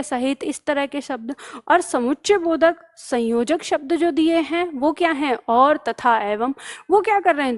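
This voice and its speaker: Woman, teacher, high-pitched voice, grammar lesson, question-and-answer explaining, repeats key terms. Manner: asks rhetorical questions and answers them.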